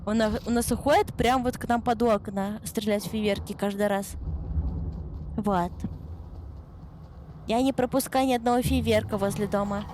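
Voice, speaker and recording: A young woman chatting casually on a gaming stream in a cute anime-streamer manner, excitable and playful, full of exclamations. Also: medium pitch, moderate pace, pauses often. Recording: clear background noise on stream mic.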